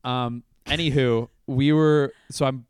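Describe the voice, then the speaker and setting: A man, a comedian guest on a podcast, telling a rambling story in a deadpan way. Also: mid-range voice, slow, clean tone, no echo, studio quality. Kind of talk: casual storytelling.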